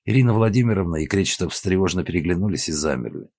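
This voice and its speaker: A man reads an audiobook in a very deep, husky voice. He narrates steadily and evenly, close to the microphone, in a dry room with no echo. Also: expressive, racing, a little mellow. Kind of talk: scripted narration.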